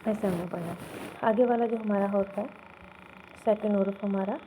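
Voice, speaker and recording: A woman's voice: mid-range voice, steady tone, dark tone, slight background noise, rough recording. Patient woman teaching Quran reading. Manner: patient, asks learners to repeat, checks with "theek hai?". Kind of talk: step-by-step beginner lesson.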